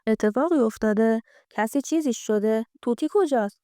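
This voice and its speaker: A woman's voice: fairly high pitch, dark tone, no room sound, clean studio sound, natural voice. A woman storyteller voicing a young man who asks concerned, puzzled questions.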